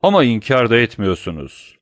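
A man's voice: mid-range voice, very animated, normal speed, dry recording, clean studio sound, natural voice. A man voicing a stern middle-aged male prosecutor in an audiobook, accusing in a cold, cutting manner. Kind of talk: audiobook reading.

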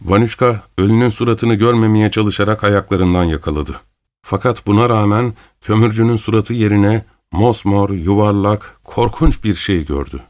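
A man narrating a story aloud in a steady, even storytelling manner. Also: lowish voice, normal speed. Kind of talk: audiobook narration.

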